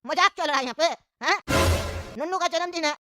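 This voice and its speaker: Cranky old cartoon grandfather, woman voicing, Bihari Hindi, bright quick high voice, always complaining. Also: soft background music. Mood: grumbling, angry. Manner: shouting, grumbling, quarrelsome. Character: fussy impatient grandfather, old man, hot-tempered. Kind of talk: cartoon comedy voice acting.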